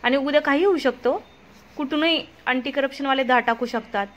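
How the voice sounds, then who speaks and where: A woman's voice: sits high, fairly quick, fairly bright tone, muffled recording. A woman voicing an honest, worried young husband who works as an office clerk, speaking in an earnest, pleading way.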